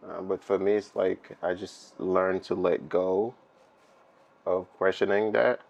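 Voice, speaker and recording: Speaking slowly in a low, creaky, steady voice, this young painter from Haiti reflects in a documentary interview. His Haitian accent reflects his native Haitian Creole, and his phrasing is loose and packed with fillers.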